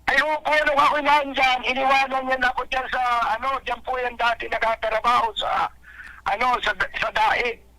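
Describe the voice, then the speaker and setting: An older man calling into a radio program, telling his side in a rambling, halting, pleading way over a phone line. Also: very high voice, flat delivery, vocal fry, pushed and bright. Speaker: caller.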